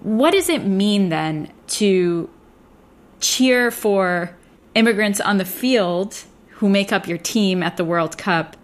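A woman hosting an interview, asking questions in a measured, inquisitive way. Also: on the low side. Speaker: host.

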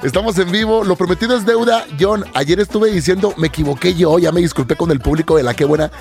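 A man's voice: sits high, quick pace, gravelly, a little mellow, faint music behind. A man hosting a live radio show in a studio, upbeat and playful. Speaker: radio host.

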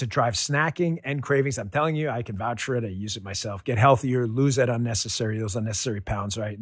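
A man doing a host-read radio ad, animated and punchy, in a personal pitch. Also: slightly rough, no echo, clean studio sound.

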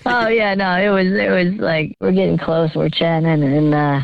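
A man's voice: high-pitched, steady tone, normal speed, creaky, smooth, no room sound, dull audio. A young man calling in to a radio show with his voice disguised by a voice changer, telling a rambling story full of fillers and chuckles. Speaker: caller. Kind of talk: call-in confession story.

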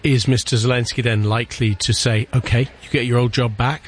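A man's voice: medium pitch, steady tone, a little fast. Male radio news presenter. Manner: smooth, scripted delivery.

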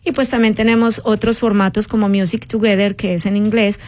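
A woman appearing as a radio guest, explaining the programs of a community music school in a steady, informative way. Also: mid-range voice, fairly quick, no echo. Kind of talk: radio interview.

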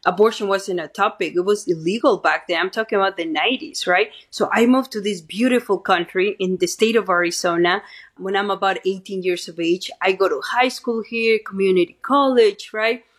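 A woman's voice: medium pitch, fairly quick. A middle-aged woman from Mexico City with a Mexican Spanish accent, giving a talkative interview testimony and often tagging on "right?". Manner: talkative, keeps adding "right?". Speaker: guest speaker and activist.

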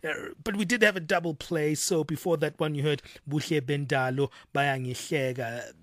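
A man's voice: fairly high pitch, moderate pace, no room sound, studio quality. A man presenting a radio music show, talking casually with frequent fillers. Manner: relaxed, hesitant with frequent fillers. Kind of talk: casual on-air chat.

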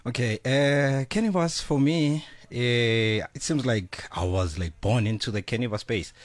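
A man's voice: mid-range voice, a little slow. A man with a South African accent, a guest in a radio studio, talking casually and hesitantly with many fillers. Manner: relaxed, hesitant, code-switching with many fillers. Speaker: studio guest, business founder. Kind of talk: casual interview talk.

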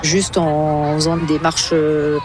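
A woman's voice: low-pitched, little pitch movement, takes it slowly, background noise. A woman journalist answering interview questions insistently, with many fillers.

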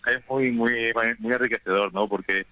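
A man, a teacher talking casually as a radio guest, pausing and restarting often. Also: medium pitch, fairly even intonation, bright, forceful tone, dry recording, dull audio. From Spain. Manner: hesitant, restarts often, tags "right?".

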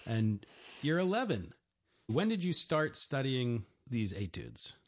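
A man interviewing a young guest for a broadcast, asking gentle, encouraging questions. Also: medium pitch, sing-song, slow. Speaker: radio interviewer.

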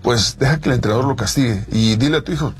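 Male co-host from Mexico, slightly breathy voice, easy conversational delivery. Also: medium pitch, quick pace, soft background music. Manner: conversational, explains with examples. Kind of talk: casual talk show chat.

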